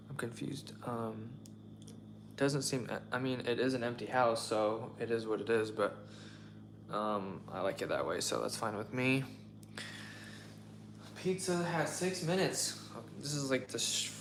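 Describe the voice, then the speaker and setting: A young man hosts a loose question-and-answer chat at home, talking in an easy, rambling way full of hedges. His voice is slightly worn and sits at an ordinary pitch. A faint hiss runs under the recording. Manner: relaxed and rambling, with many fillers and hedges. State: voice partly worn from shouting days before. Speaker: channel host answering viewer questions. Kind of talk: casual live Q&A chat. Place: home kitchen.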